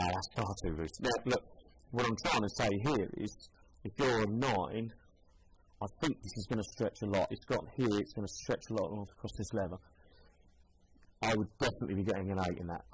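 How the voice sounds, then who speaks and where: Chatty man, low voice. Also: slight background noise, rough recording. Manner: chatty, thinking aloud while trying on shoes. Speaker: shoe seller. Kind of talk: casual product demonstration.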